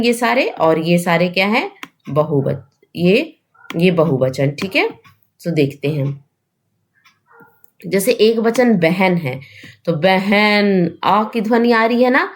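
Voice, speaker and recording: A woman teaching a grammar lesson for exam preparation, explaining step by step and posing questions she then answers herself, often adding a quick tag question. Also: medium pitch.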